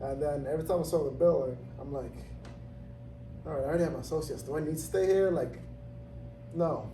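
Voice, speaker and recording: A man in his thirties from Zambia talks through his story as an interviewee, relaxed and easygoing, with plenty of fillers and quick laughs. He sits a little off the mic in a roomy space. A steady ambient noise runs behind him. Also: fairly high pitch. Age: 30s. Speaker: interviewee, gym owner. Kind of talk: casual interview. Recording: roomy, distant, noisy ambience.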